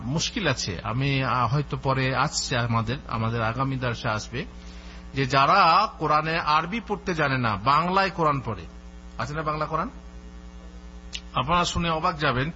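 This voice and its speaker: A man's voice: on the high side, sharp tone. A man giving a religious lesson, explaining points by asking questions and answering them himself. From West Bengal. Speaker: Islamic scholar giving a lesson. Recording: dull lo-fi audio with faint mains hum.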